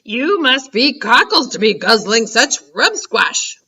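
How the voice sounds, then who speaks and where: A woman voicing a huge, greedy male giant who booms and shouts in broken grammar. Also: big pitch swings, slow, breathy edge, distant mic, exaggerated voice. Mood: menacing. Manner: booming, shouting, ungrammatical giant talk.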